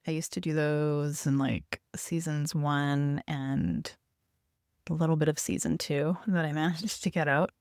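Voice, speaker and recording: Slow, low-voiced woman podcasting from a small trailer. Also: steady tone, darkish tone, clean tone, no echo, clean studio sound. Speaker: podcast host. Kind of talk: casual solo podcast intro, chatty.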